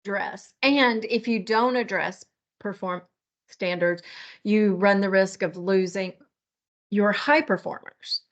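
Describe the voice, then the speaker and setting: A woman's voice: medium pitch, fairly even intonation. Woman talking on a lo-fi meeting call. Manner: thoughtful, measured, with restarts. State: has the hiccups. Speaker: manager in a work discussion. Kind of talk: casual work meeting discussion. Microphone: video call.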